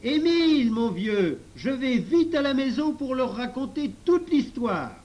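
A man's voice: very animated, a little slow, darkish tone, lo-fi sound, heavily acted. A man doing a bubbly young girl, Pony Bibi. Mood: cheerful. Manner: shrill, bubbly calling out. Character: cheerful young girl on a bicycle.

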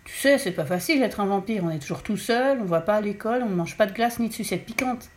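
A woman's voice: mid-range voice, expressive, fast, lightly acted. A woman voicing a young vampire boy who talks plainly and digs in his heels. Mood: explaining.

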